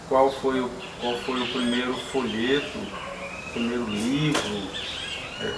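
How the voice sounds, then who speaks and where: A man's voice: medium pitch, echoey room, far from the mic, background noise. A man interviewing a poet, asking long, rambling questions with restarts.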